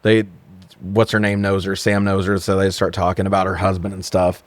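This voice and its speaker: On a laid-back film review podcast, a male co-host runs through movie plots with plenty of swearing, irreverence and jokes. He speaks fairly quickly in a low, monotone voice, and there's no room sound.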